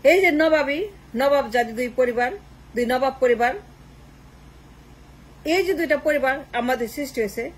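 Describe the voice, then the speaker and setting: A woman's voice: sits high, normal speed, long pauses, low-quality recording. A woman giving a political monologue, emphatic and repetitive, switching between Bengali and English. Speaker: political commentator.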